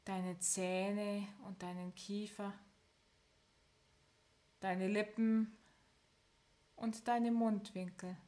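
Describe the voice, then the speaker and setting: This is a guided progressive muscle relaxation led by a woman whose voice sits in the mid range. She gives soothing, step-by-step directions and counts down slowly, pausing at length.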